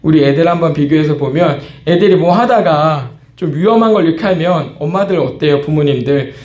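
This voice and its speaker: Pastor preaching in an echoey room. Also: male voice, on the high side, fairly quick, darkish tone. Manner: conversational preaching, acts out quoted outbursts. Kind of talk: sermon.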